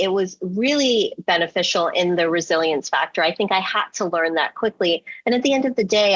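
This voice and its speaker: A woman's voice: lowish voice, a bit bright, no room sound, muffled recording. A woman in her forties from England, a marketing executive who talks through her past candidly and reflectively as an interview guest.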